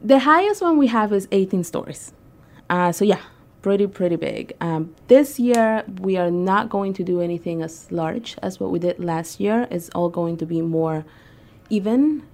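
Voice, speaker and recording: Young woman from Peru, radio interview guest, deep gravelly mellow voice, casual with fillers. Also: lively intonation, normal speed. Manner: conversational, frequent ums and uhs. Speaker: guest, arts organizer.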